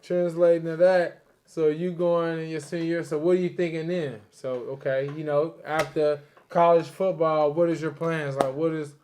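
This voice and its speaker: A man's voice: fairly high pitch, little pitch movement, normal speed, few pauses, a little mellow, a little hiss or hum. Slangy man hosting a casual chat. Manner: loose slangy banter, lots of yeahs. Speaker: podcast host. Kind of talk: casual conversational interview.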